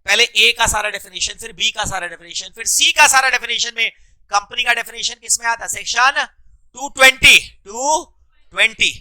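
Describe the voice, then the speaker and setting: A male teacher with a very high, sharply bright voice runs a classroom lecture. He fires quick repeated questions at his students and slips English terms into his Hindi. His tone is clear and resonant. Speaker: commerce law teacher.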